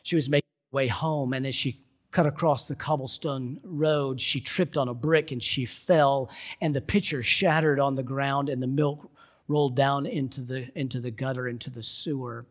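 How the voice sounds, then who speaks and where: A male pastor preaching a sermon and telling a story, moving between loud emphasis and hushed, quiet passages. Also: steady tone, normal speed. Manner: dramatic, swings from loud emphasis to hushed lows.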